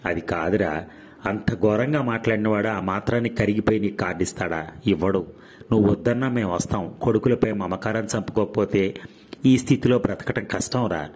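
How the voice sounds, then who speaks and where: A man's voice: lowish voice, fairly quick, a little mellow, slightly rough. A man voicing an older retired man, a loyal friend who speaks firmly and indignantly. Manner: firm, indignant.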